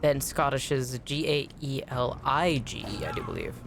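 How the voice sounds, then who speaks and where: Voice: medium pitch, steady tone, moderate pace, noisy background. A game streamer chatting casually while playing, rambling and repeating words for emphasis. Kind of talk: casual chat while gaming.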